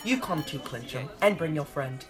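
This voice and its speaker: A woman's voice: low voice, lively intonation, normal speed, music in the background, pitched below the performer's own voice. A woman doing a genial, weary prince. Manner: lofty, drawling, regal. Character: genial bored male prince, regal.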